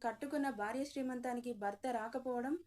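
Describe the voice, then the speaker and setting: A woman's voice: on the high side, brisk, darkish tone, far from the mic, natural voice. A woman voicing a sulking young wife. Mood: reproachful. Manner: plaintive, reproachful.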